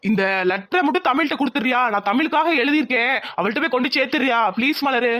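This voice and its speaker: A man's voice: extremely high pitch, fast talker, sharp tone. A man voicing a lovesick young village man in a cartoon, pleading and worried.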